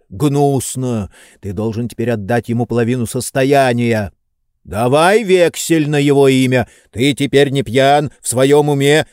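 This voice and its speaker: A man voicing a loud, boorish male sponger in an audiobook, hurling abuse and indignant accusations. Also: medium pitch, no room sound, clean studio sound, natural voice. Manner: bellowing, abusive, indignant. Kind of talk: audiobook character voice.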